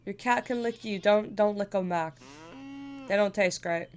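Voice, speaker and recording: A woman's voice: mid-range voice, moderate pace, a little mellow, slight background noise. A woman streamer chatting casually and playfully while gaming, laughing often and sniffly with a stuffy cold.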